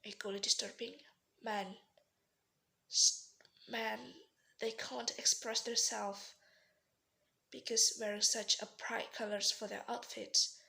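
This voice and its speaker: Young Indonesian woman with a gravelly bright voice. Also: mid-range voice, level tone. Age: young adult. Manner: earnest, pausing, with slips and restarts. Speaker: student giving a practice speech. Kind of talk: rehearsed formal speech.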